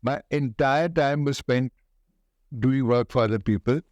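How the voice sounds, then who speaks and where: An older man with an educated upper-class Indian accent, answering interview questions in a deliberate, emphatic way and repeating phrases for stress. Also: medium pitch, a little mellow, no echo, dull audio.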